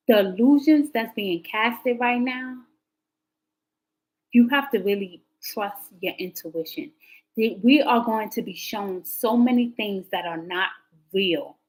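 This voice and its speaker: Casually chatting with her live tarot audience, a woman drifts from story to story, and her voice climbs suddenly whenever she gets excited. The recording is rough.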